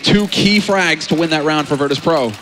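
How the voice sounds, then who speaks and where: A man's voice: fairly high pitch, normal speed, fairly bright tone. A man working as an esports caster, giving running match commentary and analysis. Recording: faint game noise behind commentary. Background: faint video game ambience.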